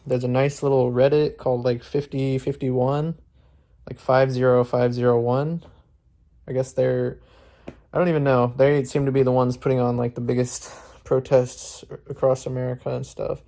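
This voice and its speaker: A man's voice: medium pitch, mellow. A young man from Florida vlogging casually into a phone camera, rambling with lots of fillers and laughing often, first outdoors at a protest and then in his room. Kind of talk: casual vlog talk.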